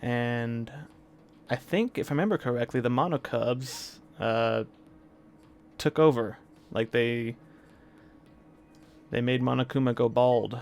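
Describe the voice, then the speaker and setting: Hoarse man rambling on a live stream. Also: mid-range voice, slow, long pauses, darkish tone, a little hiss or hum. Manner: rambling recap with many fillers and restarts. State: scratchy, hoarse throat. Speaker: streamer playing a video game. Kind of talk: casual live-stream commentary.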